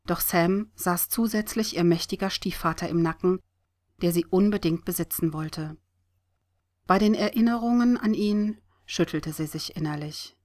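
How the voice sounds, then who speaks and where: A woman narrating an audiobook in a steady, expressive reading voice. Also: on the low side, moderate pace.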